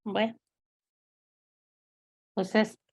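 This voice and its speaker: A woman's voice: medium pitch, flat delivery, drawn-out words, darkish tone, slightly rough. A Mexican woman hosting a talk show, chatting casually and rambling with many fillers and asides. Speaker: host.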